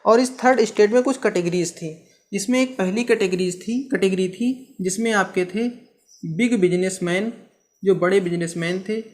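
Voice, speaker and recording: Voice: mid-range voice, moderate pace, darkish tone. Teacher doing an exam prep history lecture, keeps asking then answering their own questions, lots of "theek hai". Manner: asks rhetorical questions and answers them; explains terms with everyday comparisons.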